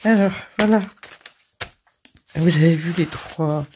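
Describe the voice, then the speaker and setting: A woman hosting a crafting channel, showing off her craft supplies in a chatty, halting way with many fillers, and often giggling and teasing herself. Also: on the low side, dark tone, a little hiss or hum. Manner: giggly, self-mocking. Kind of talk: casual show-and-tell of craft supplies.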